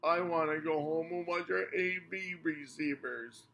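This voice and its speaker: Man voicing an eager alien boy, high-pitched, pleading, slow, faint hiss. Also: gravelly, fairly bright tone, lo-fi sound. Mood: whiny.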